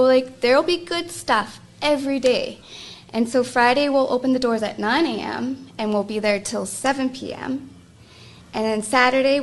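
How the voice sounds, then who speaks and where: A woman event organizer in an interview clip, giving opening hours in a chatty, matter-of-fact way. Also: sits high.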